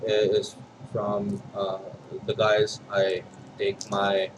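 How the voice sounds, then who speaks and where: A man with an Indian accent chatting casually as a vlog host, in a halting, hesitant way with pauses and repeats. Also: lowish voice, monotone, background noise. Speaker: video host, pipe and cigar hobbyist.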